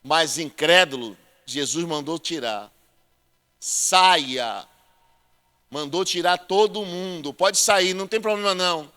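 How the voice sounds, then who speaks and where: A male pastor preaching a sermon, joking with the congregation and calling them brother, swinging between loud proclaiming and quiet asides. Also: a little high, slow pace, smooth. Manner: addresses listeners as brother.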